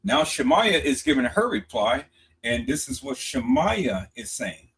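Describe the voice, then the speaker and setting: A man giving emphatic commentary on a played clip, repeating quotes for effect and rising toward a shout. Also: fairly high pitch, huge pitch swings, a little slow, vocal fry, poor audio.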